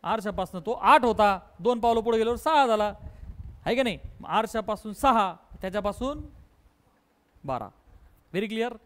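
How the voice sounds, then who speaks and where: A man teaching physics to students, mixing in English terms and quizzing them with rapid, repeated questions and playful everyday examples. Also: high-pitched, animated, a bit bright. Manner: mixes English terms into his talk. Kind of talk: classroom lesson.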